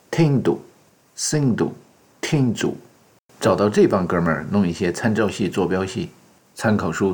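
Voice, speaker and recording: Male narrator, low and husky, wry mock-lecture delivery. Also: darkish tone. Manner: wry, mock-scholarly joking. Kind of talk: scripted satirical narration.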